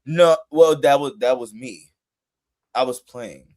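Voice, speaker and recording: A man in a casual group chat, animated and teasing, laughing often. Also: medium pitch, takes it slowly.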